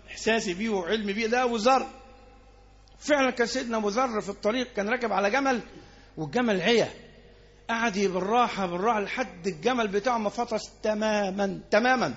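Egyptian preacher, high and fast, sermon delivery that swings from hushed asides to shouts. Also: male voice, highs cut off. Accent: Egyptian Arabic. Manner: swings between low asides and loud shouted passages. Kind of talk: Friday sermon.

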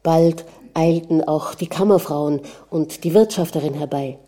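A woman narrating a novel in a measured, calm storytelling voice. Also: low-pitched. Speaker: audiobook narrator.

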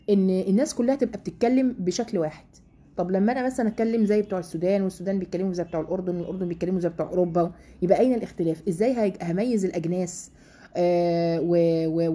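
A woman with an Egyptian accent teaching a casual Quran study lesson to women, talking in a chatty way full of rhetorical questions and slowing down to recite verses. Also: lowish voice, dark tone. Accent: Egyptian Arabic.

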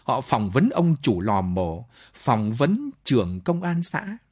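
A man narrating a late-night radio story and voicing its characters. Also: mid-range voice. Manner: slow, lively storytelling with voiced dialogue.

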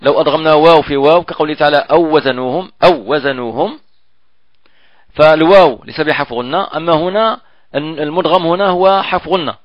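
A fairly high-voiced man teaches Quran recitation. He explains patiently and stretches out example words to demonstrate them. The recording is dull and lo-fi, with a dry sound. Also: dry recording. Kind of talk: recorded tajweed lesson.

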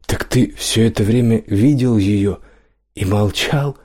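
An anxious, earnest young innkeeper woman from a fantasy audiobook, soft and pleading, as a male reader puts her on. Her voice stays gentle and a little hushed, set low for a woman. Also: steady tone, measured pace, slightly rough, exaggerated voice. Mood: despairing.

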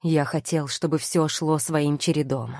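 A woman's voice: sits low, fairly even intonation, measured pace, darkish tone, dry recording, studio quality. A woman reading the lines of an angry, passionate young male lord in an audiobook, speaking hard and firm.

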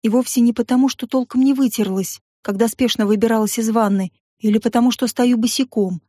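A woman narrates a first-person story with a wry, ironic liveliness. Her voice sits a little higher than most. The recording is dry and close to the mic. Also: fairly even intonation, a little fast, dark tone, no room sound. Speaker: audiobook narrator.

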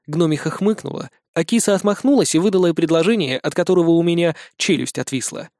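A man's voice: on the high side, fast, a little mellow, dry recording, clean studio sound. A man narrating an audiobook in a wry storytelling manner. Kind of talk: scripted narration.

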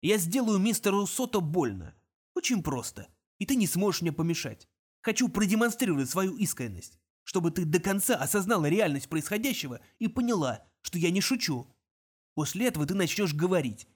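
A man's voice: high voice, expressive, a little fast. A man voicing a cruel male thug who mocks and threatens in a cold, menacing way, in an audiobook reading. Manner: sneering, mocking threats. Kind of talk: audiobook character voice.

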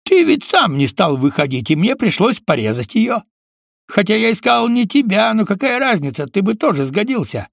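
A man's voice: high-pitched, big pitch swings, moderate pace, vocal fry, no echo, studio quality, voice pushed up, exaggerated voice. A man voicing a sadistic, grinning male villain who taunts gleefully in an audiobook. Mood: gleeful taunting.

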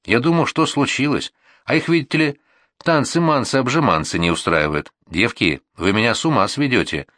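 A man's voice: medium pitch, lively intonation, moderate pace, fairly bright tone, dry recording, studio quality, pitched above the performer's own voice, lightly acted. A man voicing a hot-tempered middle-aged father in an audiobook, brusque and blustering. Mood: grumbling. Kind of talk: audiobook reading.

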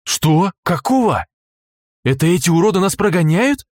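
A man's voice: high voice, big pitch swings, moderate pace, no echo, clean studio sound, voice pushed up. A man voicing a grumbling, hot-headed young male crewman in an audiobook. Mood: indignant. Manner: grumbling, indignant.

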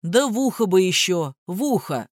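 A reader voicing a stern male lawyer and former policeman who booms and barks orders. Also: sing-song, moderate pace, no room sound, clean studio sound. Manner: booming, barking orders.

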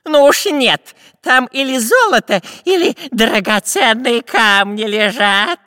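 A man voicing a skinny long-nosed male spy, whiny and greedy, in a shrill squealing voice. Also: animated, slow, sharp tone, no echo, studio quality, exaggerated voice. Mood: mocking.

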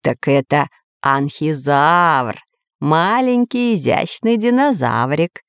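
A woman voicing a kindly male scientist in a storybook reading, explaining slowly. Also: low-pitched, expressive, clear, resonant tone, dry recording, studio quality, heavily acted. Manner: slow, explaining.

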